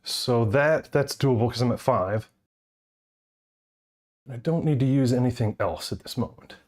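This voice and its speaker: A man's voice: mid-range voice, measured pace, darkish tone. A man streaming a solo board game, out of breath, thinking aloud and muttering the rules to himself. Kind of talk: thinking aloud while playing.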